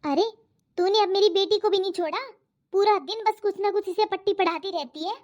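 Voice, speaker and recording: A harsh, nagging cartoon mother-in-law, voiced by a woman, scolding and taunting in a very high voice. The audio is dull and lo-fi. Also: a little fast. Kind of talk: cartoon voice acting.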